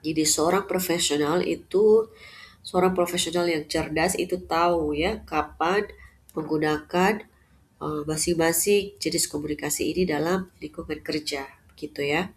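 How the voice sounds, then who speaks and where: A woman giving a lecture in a measured way, often pausing on "eh" and ending points with "ya". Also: deep voice, fairly even intonation. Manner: measured, with frequent "eh" fillers and "ya" tags. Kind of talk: unscripted lecture.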